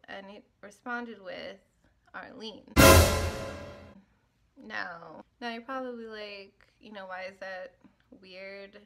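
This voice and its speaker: A woman's voice: medium pitch, gravelly, sharp tone. A young woman vlogger talking casually to camera, rambling and self-mocking, often laughing at herself.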